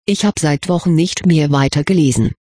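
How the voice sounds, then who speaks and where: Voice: mid-range voice, normal speed, dark tone, no echo, lightly acted. A reader voicing a troubled, self-doubting teenage schoolboy, in a storybook reading. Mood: brooding. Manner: subdued, musing.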